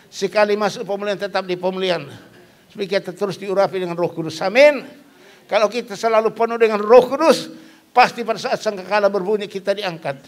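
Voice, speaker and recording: A man's voice: sits high, a little fast. An older male pastor preaching a sermon, emphatic, repeating key phrases and asking the congregation rhetorical questions.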